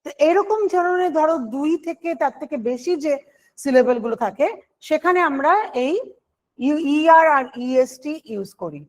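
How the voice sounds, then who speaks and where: Woman, high-pitched, patient exam-prep teacher who explains step by step. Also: expressive, normal speed. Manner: explains step by step, asks and answers her own questions. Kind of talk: online exam-prep grammar lesson.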